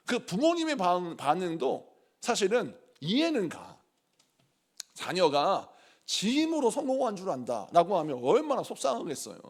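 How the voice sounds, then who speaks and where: A male pastor delivers a sermon in a high, expressive voice. His pitch rises and falls sharply as he builds his points. He acts out the people in his stories, shifting into their voices and back again. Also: gravelly.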